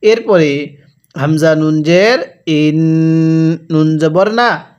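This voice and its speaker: A man teaching Quran reading with a Bangladeshi Bengali accent, spelling out each syllable slowly, then asking how to read it and repeating it. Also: a little high, darkish tone, smooth, muffled recording. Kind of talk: slow spelled-out recitation lesson.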